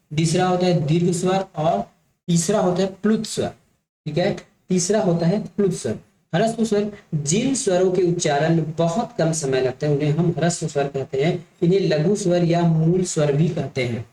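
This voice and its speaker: A man's voice: on the high side, warm tone. A man teaching grammar in an echoey room. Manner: explains slowly, repeats points and keeps checking with listeners. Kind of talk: exam-prep grammar lesson.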